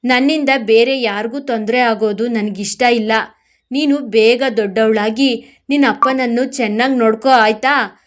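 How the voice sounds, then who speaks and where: A woman voicing a despairing young mother who softly and sorrowfully pleads with her baby in a narrated story. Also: on the high side, fairly even intonation, normal speed, close to an everyday voice.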